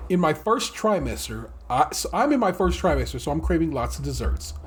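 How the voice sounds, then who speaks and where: A man co-hosting a casual podcast, talking in an animated way, laughing often and swearing freely. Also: fairly high pitch, a little fast, slightly rough. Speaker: podcast co-host.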